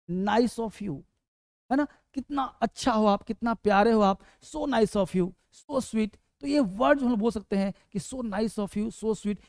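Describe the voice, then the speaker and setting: A man's voice: high voice, darkish tone, no echo, clean studio sound. A man teaching spoken English in a lesson, repeating short phrases and asking questions he answers himself. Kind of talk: classroom-style lesson.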